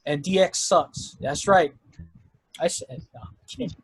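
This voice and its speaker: A man's voice: fairly high pitch, measured pace, breathy edge, no echo, low-quality recording. A man in his twenties co-hosting a casual podcast chat, rambling and joking, often correcting himself mid-sentence. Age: 20s. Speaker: co-host.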